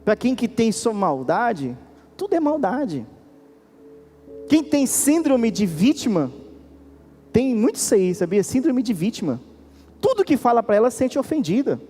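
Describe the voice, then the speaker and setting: A man with a Brazilian Portuguese accent preaching a sermon as pastor, earnest and pleading, moving between quiet and insistent. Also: very high voice, sing-song, measured pace, long pauses, big-room sound, faint music behind. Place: church hall.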